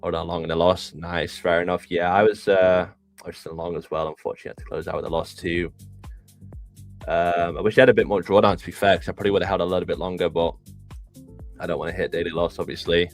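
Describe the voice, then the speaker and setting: Young UK man, very deep voice, relaxed stream co-host, soft music underneath. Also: fast talker. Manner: laid-back, chatty, greets chat. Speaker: live trading stream co-host. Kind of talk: casual live-stream chat. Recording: faint music behind.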